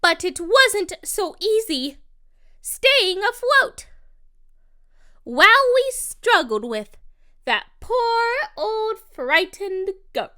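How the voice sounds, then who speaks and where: A woman narrates a rhyming picture book for children, her voice very high and bright. She takes her time, lingering on each line in a sing-song rhythm with lively rises and falls. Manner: slow, expressive, sing-song rhyming delivery. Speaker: storybook narrator.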